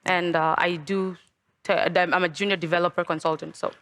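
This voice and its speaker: A woman's voice: fairly low pitch, little pitch movement, a little fast, fairly bright tone, no echo. A woman, speaking as a panel guest, hesitant with frequent ums. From Kenya.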